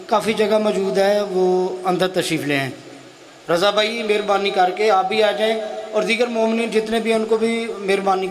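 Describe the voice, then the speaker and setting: A man acting as stage announcer at a religious gathering, using ornate and courteous formal phrasing. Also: high voice.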